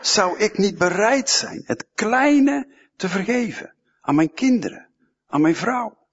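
A man's voice: sits high, animated, slow pace, slightly rough. A man preaching a sermon, emphatic and fond of repeating short phrases, in a church hall, with a dull, echoey sound.

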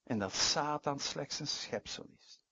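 A man preaching a sermon, emphatic, moving between loud stresses and quiet asides. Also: on the high side, a little slow, husky, highs cut off.

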